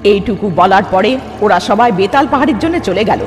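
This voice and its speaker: A woman's voice: mid-range voice, lively intonation, fairly quick, lightly acted. A woman playing a distressed young sorceress, narrating her ordeal in the first person in an earnest, dramatic cartoon style. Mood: grave, dramatic. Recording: long reverb under loud music.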